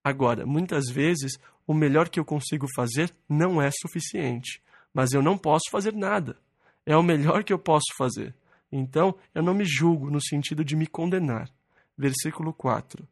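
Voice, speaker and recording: Man, preacher, expository sermon, slightly high voice, dry close sound. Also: normal speed, no room sound. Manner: reads verses then explains plainly.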